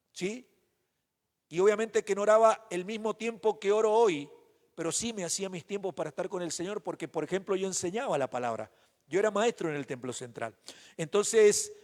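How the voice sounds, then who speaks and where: A man preaching a sermon as pastor, asking the congregation question after question. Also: high voice. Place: church hall. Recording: reverberant church hall.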